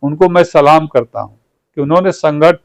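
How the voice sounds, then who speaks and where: A man's voice: a little high, fairly quick, no room sound, poor audio. A man with a Bhojpuri accent, a party leader speaking in a political interview, fiery and rhetorical, repeating phrases for emphasis.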